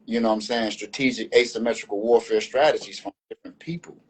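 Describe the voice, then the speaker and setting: A man's voice: lowish voice, steady tone, fast, slightly rough, poor audio. A man speaking earnestly as a panel guest in a live online discussion, repeating and restarting phrases as he builds his point.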